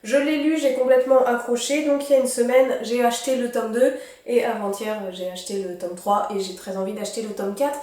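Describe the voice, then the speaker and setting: A woman's voice: on the high side, steady tone, a little fast, a little mellow. A young woman in her twenties, a student, chatting casually and rambling through a book haul with many fillers. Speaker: book vlogger. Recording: echoey room.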